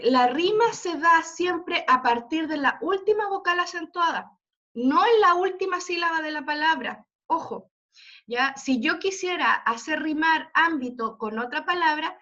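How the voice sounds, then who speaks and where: A woman teaches an online literature class over a video call, explaining things step by step and frequently checking in with students using "¿ya?" and "¿cierto?". Her high voice sounds pushed and bright, and the computer-mic audio is dull and lo-fi.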